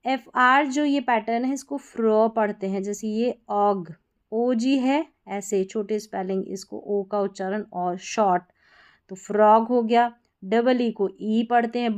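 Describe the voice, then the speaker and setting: A woman's voice: on the high side, a little mellow, clean tone. A woman teaching English reading patterns step by step, patiently repeating each rule and checking in with her listeners. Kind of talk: step-by-step phonics lesson.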